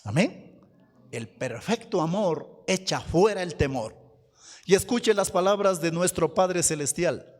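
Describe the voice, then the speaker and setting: A man preaching a sermon as pastor, slow and emphatic, asking the congregation questions. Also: sits high, lively intonation, a little mellow, in a large hall. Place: church hall.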